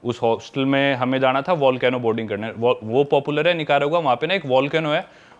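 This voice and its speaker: A man in a relaxed podcast chat, recounting a trip abroad at an easy, chatty clip. His voice sits at an everyday middle pitch, and he drops English words into his sentences as he goes. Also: a little fast, muffled recording. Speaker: podcast guest telling a travel story. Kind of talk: casual storytelling chat.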